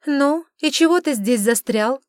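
A woman voicing a sharp-tongued, sarcastic witch in an audiobook, scolding and mocking. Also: a little high, lively intonation, measured pace, no echo, studio quality, voice pushed up. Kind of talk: audiobook character reading.

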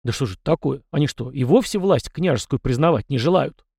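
A man's voice: mid-range voice, expressive, fast talker, creaky, a little mellow, husky, no room sound, studio quality. A man reading an audiobook and voicing an arrogant, hot-tempered teenage prince who speaks haughtily and stubbornly. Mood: petulant. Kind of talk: audiobook character voice.

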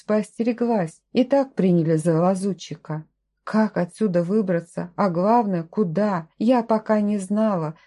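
Mellow woman reading an audiobook. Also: medium pitch. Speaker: audiobook narrator. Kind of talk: first-person audiobook narration.

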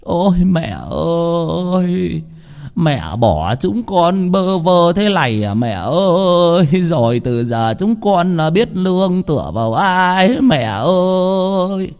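A man voicing a grieving younger son who wails in slow, high, drawn-out sobs. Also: very animated, a little mellow, big-room sound, heavily acted. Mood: wailing. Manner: wailing, drawn-out sobbing.

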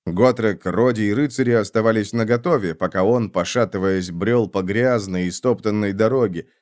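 A man reading an audiobook in steady, scripted narration. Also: fairly low pitch, moderate pace, no room sound, studio quality.

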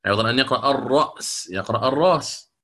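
Man, Quran recitation teacher, bright tone, asks and answers his own questions, slow chanted examples. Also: mid-range voice. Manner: explains rules, then slowly chants the verses as examples; asks the class questions and answers them himself. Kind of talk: lecture on Quran readings.

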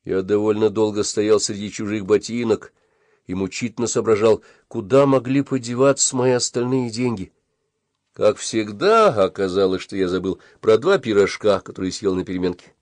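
A man narrating a first-person story at a measured pace. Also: lowish voice, a little mellow, no echo. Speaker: audiobook reader.

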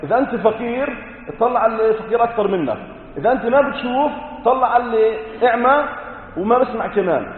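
Male preacher, high voice, explains with rhetorical questions; tinny, echoey hall recording. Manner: chants Quran verses slowly; explains in colloquial asides, asking rhetorical questions. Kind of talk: sermon.

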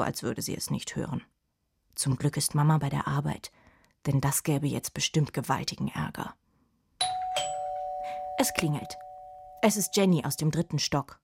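A woman's voice: deep voice, creaky, darkish tone, breathy edge, dry recording. A woman narrating a children's storybook expressively in a studio.

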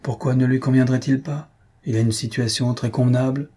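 A husky-voiced man reading aloud, voicing a polite, grateful young woman in a storybook. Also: mid-range voice, flat delivery, fairly quick, warm tone, lightly acted. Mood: gentle.

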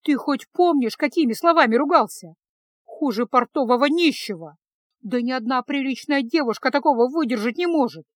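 A woman's voice: high-pitched, expressive, normal speed, dry recording, clean studio sound. A woman reading a storybook, voicing a naive, hot-tempered young village girl who speaks up indignantly. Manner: pleading, indignant, raised voice.

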